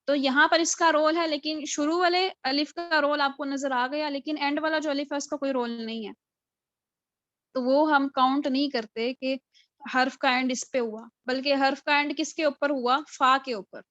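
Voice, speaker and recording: A woman teaching Qur'an recitation in a live online class, patiently drilling each letter and spelling words out slowly, syllable by syllable. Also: high-pitched, fairly even intonation, a bit bright, no room sound. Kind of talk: live online tajweed lesson. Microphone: video call. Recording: dull lo-fi video call audio.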